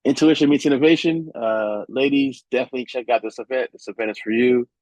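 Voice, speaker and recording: A man's voice: medium pitch, quick pace, darkish tone, dry recording, highs cut off. A man, casually running through upcoming events as a tech vlogger, chatty and loose, with many fillers and restarts. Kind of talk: casual vlog event rundown.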